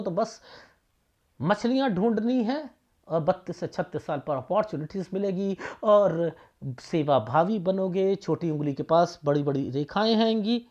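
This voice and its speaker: A man's voice: high voice, a little mellow. Man firing rhetorical questions, dull lo-fi sound. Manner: rapid rhetorical questions, repeats phrases for emphasis. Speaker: palmist. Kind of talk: explaining a palm reading to viewers.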